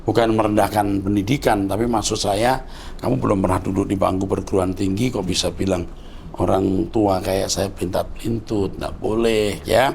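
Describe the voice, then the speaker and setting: Gravelly fatherly pastor in his sixties. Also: on the low side, fairly even intonation, normal speed, darkish tone, slight background noise. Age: 60s. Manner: fatherly, lecturing, calls listener "Nak". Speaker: pastor answering viewer questions. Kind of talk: conversational teaching.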